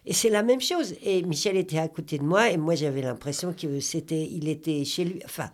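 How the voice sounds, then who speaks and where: Earnest low-pitched woman from Corrèze. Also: a little fast. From Corrèze, France. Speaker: guest. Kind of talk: conversational radio talk.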